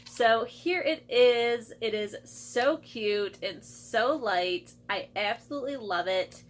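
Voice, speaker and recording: This book vlogger is a young Michigan woman talking casually and slowly in a slightly high voice. Her sinuses leave her a little stuffy and congested, and her speech is full of "like" and "I feel like."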